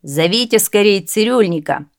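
A woman voicing haughty, mocking noble gentlemen in a storybook reading. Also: mid-range voice, lively intonation, moderate pace, vocal fry, pitched above the performer's own voice. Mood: gloating. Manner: scornful, jeering, loud.

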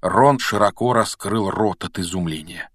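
A man reading an audiobook aloud, with measured, expressive storytelling narration. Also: low voice, breathy edge, dry recording, studio quality. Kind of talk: scripted narration.

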